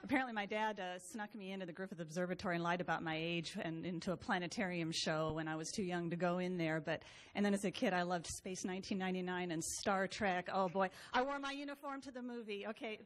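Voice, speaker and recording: A woman's voice: lowish voice, fairly even intonation, fast, few pauses. Chatty middle-aged woman scientist. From Los Angeles area, USA. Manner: chatty, laughing, self-deprecating. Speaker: NASA scientist on a panel. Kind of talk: panel talk, personal story.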